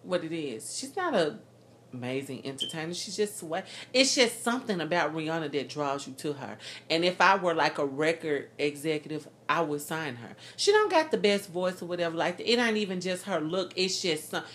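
A woman's voice: deep voice, lively intonation, a little fast, fairly bright tone, a little hiss or hum. A woman co-hosting a podcast, giving blunt, profane opinions in casual chat about music. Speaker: podcast co-host.

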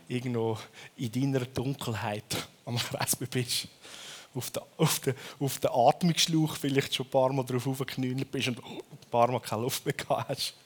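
A man from Switzerland with a Swiss accent, preaching a sermon in a lively storytelling way and often ending his phrases with a questioning tag. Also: medium pitch.

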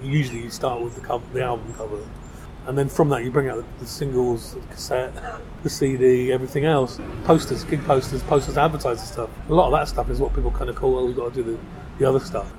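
Talking quickly in a steady, medium-pitched voice, this middle-aged South Londoner is a designer being interviewed casually for a podcast in a pub. He wanders informally from point to point while noisy crowd chatter fills the background.

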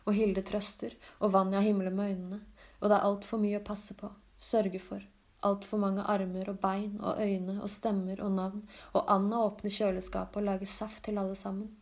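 A woman, working as an audiobook reader, narrates a scripted piece of literary fiction. Her delivery is calm, even and low-key throughout.

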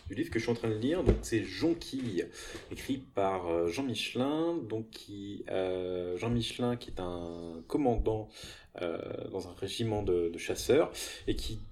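A man with a low voice describes the book he is currently reading on a podcast. He talks in a measured way with occasional hesitations. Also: animated, mellow. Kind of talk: casual recommendation chat.

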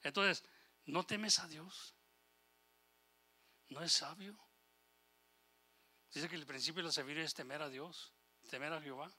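Male preacher, fiery sermon delivery, bright ringing tone, a bit higher voice. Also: measured pace, long pauses. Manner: impassioned, rising and falling in volume, quotes scripture and God's voice; switches briefly into English phrases. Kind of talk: Spanish-language sermon.

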